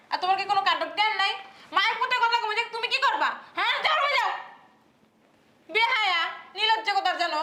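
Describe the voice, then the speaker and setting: A woman doing a shrill, nagging old mother-in-law. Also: bright, forceful tone. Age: older. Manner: scolding, rapid-fire rhetorical questions, tagging "haan?".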